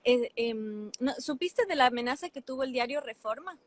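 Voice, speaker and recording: Animated, fairly high-voiced woman journalist. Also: no echo. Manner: fast-flowing, animated storytelling with asides. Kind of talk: conversational debate.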